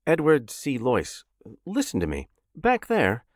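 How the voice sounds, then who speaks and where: A man voicing a terrified middle-aged shopkeeper who shouts and pleads frantically in an audiobook. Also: medium pitch, wildly swooping pitch, measured pace, dry recording, studio quality, voice pushed up. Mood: urgent pleading. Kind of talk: audiobook character voice.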